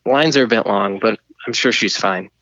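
A man's voice: fairly low pitch, normal speed, bright, forceful tone, no echo, dull audio. A man playing a flustered, stammering mission control operator, heard over a radio link in a comedy skit.

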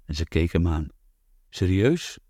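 A man narrating an audiobook in a calm, measured, even reading. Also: low voice, no room sound, studio quality. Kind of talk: scripted narration.

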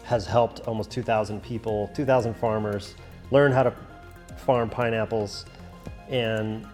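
A man's voice: fairly low pitch, darkish tone, big-room sound. A man hosting a podcast, introducing an episode in an earnest, conversational way. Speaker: podcast host.

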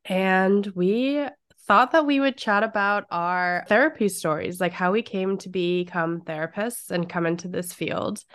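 A woman's voice: mid-range voice, a little slow, a bit bright, smooth. Nasal-sounding woman with a cold. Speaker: therapist and podcast co-host. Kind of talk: casual podcast chat.

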